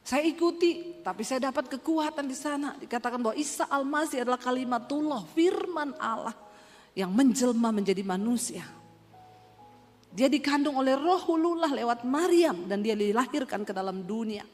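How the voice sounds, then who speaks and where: A woman's voice: high-pitched, animated, moderate pace. A woman in her forties from Indonesia, a pastor telling her personal testimony as a sermon in an earnest storytelling manner. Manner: earnest storytelling, often quoting others. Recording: reverberant hall with soft background music.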